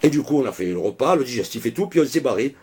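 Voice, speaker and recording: A man's voice: medium pitch, lively intonation, racing, a little mellow, breathy edge. A man with a Marseille accent telling a long joke in a loose, colloquial way, full of little fillers. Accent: Marseille French. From Marseille, France. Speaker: joke teller. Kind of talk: casual joke storytelling.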